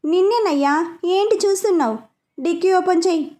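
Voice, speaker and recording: Woman doing a sassy young sister, bossy, high voice, storybook reading. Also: expressive, moderate pace, darkish tone. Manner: bossy and sassy, giving orders.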